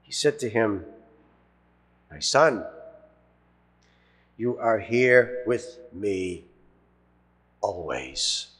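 A man's voice: lively intonation, fairly bright tone, slightly rough. Man's Gospel reading in cathedral echo. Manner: measured reading, letting phrase ends drop low and slow. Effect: cathedral echo, long church reverb. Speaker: priest reading the Gospel at Mass. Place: large church. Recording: long reverb of a large church.

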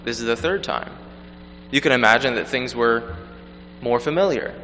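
A clergyman preparing for the priesthood preaches at Mass, moving between liturgical reading and reflective sermon in a large, reverberant church. His bright, mid-range voice comes at normal speed, wrapped in cathedral-like echo, long hall reverb and background noise.

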